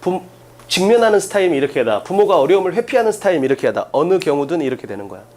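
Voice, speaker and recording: A man with a fairly high voice lectures an exam-prep class. He talks in an emphatic way and keeps firing short questions at his students to drill the main points. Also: big pitch swings, racing, a little mellow. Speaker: English teacher.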